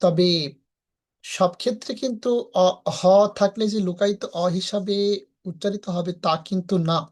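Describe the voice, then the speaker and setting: In a live class, a woman with a Bangladeshi Bengali accent breaks Sanskrit verses into syllables, then chants each one in full to teach pronunciation. She speaks at normal speed in a medium-pitched, darkish voice.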